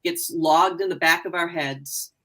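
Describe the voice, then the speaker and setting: A woman's voice: on the low side, fairly even intonation, measured pace, fairly bright tone, poor audio. A woman author chatting on a video call, rambling and restarting her sentences. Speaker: romance and mystery author. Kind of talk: casual video chat.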